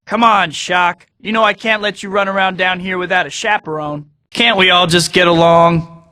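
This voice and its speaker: A man's voice: high voice, steady tone, normal speed, pushed and bright. A wisecracking Spider-Man. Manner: joking, sarcastic one-liners. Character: wisecracking young male superhero, quippy and upbeat. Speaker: video game hero. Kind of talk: game voice clips. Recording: long reverb on the game audio.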